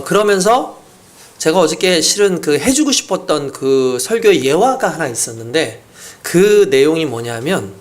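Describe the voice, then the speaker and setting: A man preaching a sermon as a pastor, telling a story in a chatty way with acted quotes and laughter. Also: fairly high pitch. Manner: conversational, many fillers.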